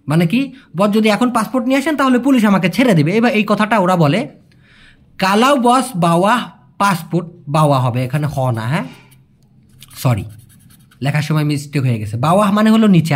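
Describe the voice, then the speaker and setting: A man with a Bangladeshi Bengali accent teaches a language lesson. He explains slowly, repeats each example and calls his listeners brother. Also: sits high. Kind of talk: language lesson for migrant workers.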